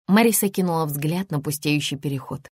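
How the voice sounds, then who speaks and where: A woman reads a novel aloud in a low, measured voice. The recording is dry and close, with no room sound. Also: a little mellow, slightly rough, no echo. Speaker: audiobook narrator. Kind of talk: scripted narration.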